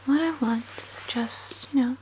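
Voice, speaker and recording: A woman in an ASMR role-play of a spa pampering session, speaking softly and soothingly, with gentle personal attention to the listener. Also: a little high, moderate pace, a little hiss or hum, rough recording. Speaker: ASMR host.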